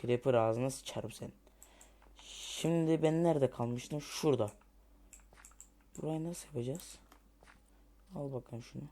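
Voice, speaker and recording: A man narrates his own building game as he plays, muttering his next moves aloud. He keeps getting annoyed, cursing at creatures and complaining about how long everything takes, in a mid-pitched, everyday voice. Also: unhurried, long pauses, dark tone. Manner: frustrated, grumbling and cursing at the game; thinking aloud while building. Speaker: gamer. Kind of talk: let's play commentary.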